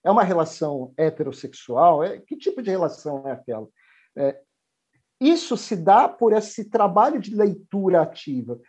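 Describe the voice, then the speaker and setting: High-voiced male professor explaining his teaching, muffled lo-fi sound. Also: very animated, normal speed, a little mellow, breathy edge. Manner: earnest, explanatory, with restarts. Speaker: university professor, interviewee. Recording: dull lo-fi audio.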